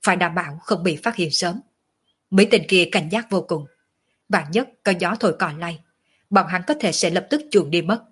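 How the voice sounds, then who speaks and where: A woman narrating a martial-arts novel as an audiobook, in a steady storytelling manner. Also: fairly low pitch, moderate pace, breathy edge.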